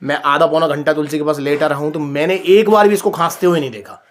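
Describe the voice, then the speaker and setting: A man's voice: on the high side, fairly even intonation, fast talker. A man filming a casual family vlog indoors at home, talking playfully and teasing as he chats to the viewers. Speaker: father and vlogger. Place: indoors at home, in front of a heater.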